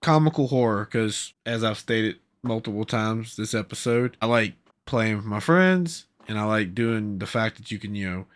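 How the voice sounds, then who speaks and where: A man co-hosting a casual gaming podcast, excitable and telling stories with animated quotes. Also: fairly low pitch, normal speed, few pauses. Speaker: podcast co-host.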